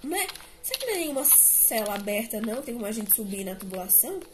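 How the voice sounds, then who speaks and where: A young woman rattles off quick, slightly high remarks while gaming. She is jumpy and bossy, quick to tease, and the recording is buried under heavy background noise. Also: big pitch swings. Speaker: gamer. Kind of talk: casual let's-play chat.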